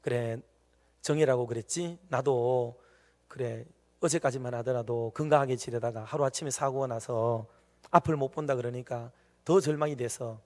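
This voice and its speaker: A man's voice: medium pitch, moderate pace, dark tone, natural voice. A preacher voicing a weary blinded young man. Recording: long reverb of a church hall.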